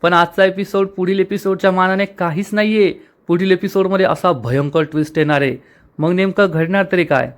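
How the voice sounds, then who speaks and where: Brief: man retelling a TV episode, lively and chatty, addressing listeners directly. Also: high voice, brisk. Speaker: episode recap narrator. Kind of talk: storytelling recap of a TV serial.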